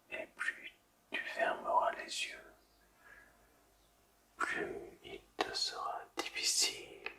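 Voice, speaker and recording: A person whispering quietly, as if at night, in a slow, soothing, deliberate ASMR style, guiding a listener toward sleep with long pauses. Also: a bass voice, gravelly, recorded from a distance.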